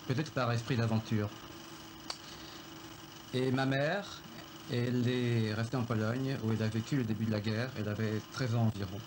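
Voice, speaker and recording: A man recalling his family's story in a film interview, reflective and halting, with many pauses. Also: medium pitch, fairly even intonation, noisy background. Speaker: filmmaker recounting his family.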